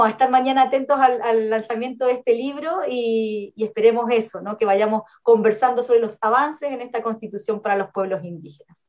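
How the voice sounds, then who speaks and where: A woman's voice: on the high side, a little mellow. A woman academic, a guest on a radio interview, explaining ideas earnestly and often adding "¿no?" or "¿cierto?" to check in with the listener. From Chile.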